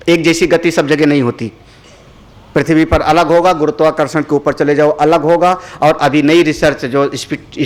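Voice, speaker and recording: A man, a spiritual teacher, giving a religious discourse with animated storytelling. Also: fairly high pitch. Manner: animated storytelling, rising loud for dramatic moments.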